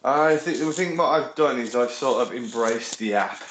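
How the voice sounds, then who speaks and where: A man's voice: mid-range voice, normal speed, a bit bright. A man with a Birmingham accent, co-hosting a podcast in rambling, sweary casual chat. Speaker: podcast co-host. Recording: echoey room with faint noise.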